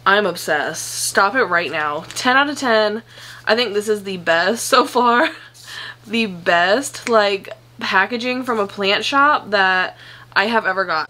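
A woman's voice: mid-range voice, normal speed. Gushing young woman unboxing plants. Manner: gushing, excitable, swears casually. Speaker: plant vlogger. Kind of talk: casual unboxing chat. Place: home.

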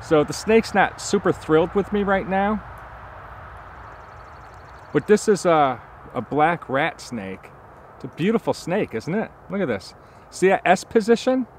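A man's voice: high-pitched, sing-song, a little slow, pauses often, a little hiss or hum. A man in his forties, a nature vlogger, talking casually and enthusiastically to a handheld camera at arm's length outdoors at a forest campsite, with plenty of fillers as he thinks aloud. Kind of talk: casual outdoor vlog narration.

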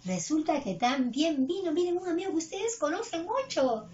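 A woman teaching an online class for small children, patient and coaxing. Her voice is high and lively, rising and falling in a sing-song way, and the recording sounds dull and lo-fi. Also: normal speed. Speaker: preschool English teacher.

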